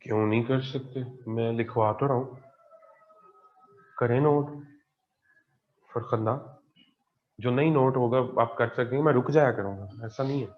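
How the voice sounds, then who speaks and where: A man's voice: mid-range voice, a little slow, pauses often, highs cut off. A man teaching an online science class. He explains patiently and repeats key points. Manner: patient, repetitive explaining with frequent "theek hai ji".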